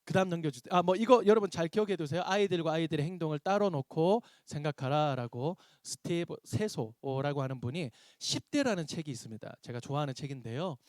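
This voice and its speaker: A man's voice: fairly high pitch, brisk, hardly any pauses, dry recording, clean studio sound. A man, a pastor, giving a seminar lecture to teachers, telling stories and acting out the dialogue in them. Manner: animated storyteller acting out dialogue. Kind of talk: seminar lecture with acted anecdotes.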